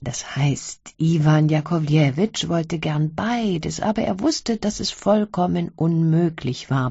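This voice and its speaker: Casting: low, slow female storyteller, breathy tone, dull lo-fi audiobook sound. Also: dark tone, dry recording. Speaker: narrator. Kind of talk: audiobook reading of a classic story.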